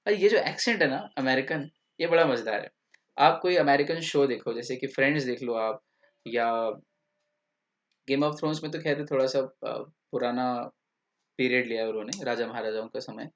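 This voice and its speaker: A male teacher delivering a recorded grammar lecture at an even, middling pitch. He explains patiently and slips back and forth between Hindi and English within a sentence. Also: normal speed, lo-fi sound.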